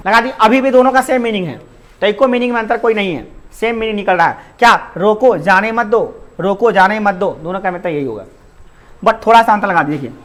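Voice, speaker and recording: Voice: medium pitch, expressive, quick pace, a bit bright. Give me an adult grammar teacher with a mid-range voice, lecturing a class and answering their own questions. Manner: asks questions and answers them, code-mixes English words.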